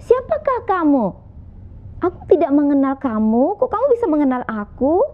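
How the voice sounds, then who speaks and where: A woman's voice: sits high, sing-song, moderate pace, voice pushed up. A woman voicing a lonely rich young man, asking anxious questions and pleading. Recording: tinny phone-like sound.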